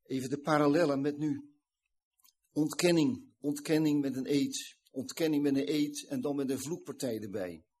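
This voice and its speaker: A man's voice: on the high side, normal speed, darkish tone, husky. A man preaching a sermon, earnestly retelling a scripture story and explaining it.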